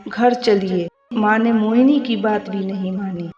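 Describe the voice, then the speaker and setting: A woman's voice: medium pitch, steady tone, moderate pace, darkish tone, soft background music. A woman narrating a moral family story in plain, moralizing storybook narration. The recording is echoey and slightly muffled.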